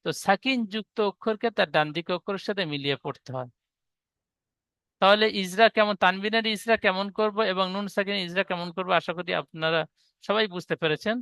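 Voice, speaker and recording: Male reading teacher, bright and crisp, dry close sound, patient and repetitive. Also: high voice, fairly quick, no echo. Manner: patient, repetitive step-by-step explaining. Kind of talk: online reading lesson.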